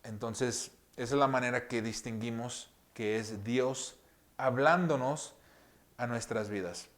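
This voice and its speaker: A man giving a conversational sermon as pastor, speaking gently with many pauses, fillers and rhetorical questions, often dropping to a hushed voice. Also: medium pitch. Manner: drops to a hushed soft voice often. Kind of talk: sermon teaching.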